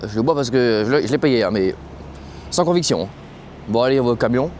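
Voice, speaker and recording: A man's voice: mid-range voice, expressive, a little fast, a little mellow, slight background noise. A young man from France, a truck driver, chatting casually and slangily to his viewers while filming himself at a truck stop. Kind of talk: casual vlog chat. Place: truck stop outdoors, cold and windy.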